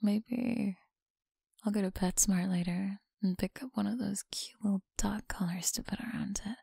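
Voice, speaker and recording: For this ASMR roleplay, a young woman takes on the part of a teasing school bully with a possessive streak, whispering slowly and breathily with mockery, close to the microphone. The mid-range voice stays steady and warm in tone, recorded dry.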